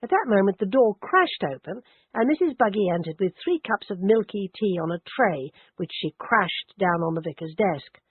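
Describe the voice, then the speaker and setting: A woman narrates an audiobook in a measured, descriptive way, and her pitch moves with the text. Her voice is slightly husky. The recording is dry and narrowband, like a phone line. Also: animated, no echo. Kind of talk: scripted narration.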